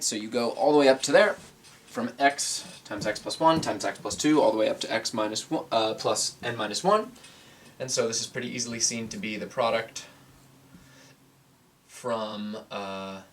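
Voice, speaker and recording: Young male math host, lowish voice, rambling casual lesson, faint hiss. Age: 20s. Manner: rambling, thinks aloud with fillers and self-corrections. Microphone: camera mic, on camera at a board.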